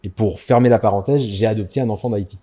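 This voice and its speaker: A man, a dentist, telling his story as a guest in a casual interview, lively and anecdotal, often turning to his listener. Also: lowish voice, quick pace.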